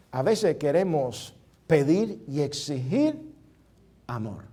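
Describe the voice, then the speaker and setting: A man preaching a sermon as pastor, stretching key words slowly and moving between hushed asides and loud emphatic lines, with chatty remarks to the congregation. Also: high-pitched.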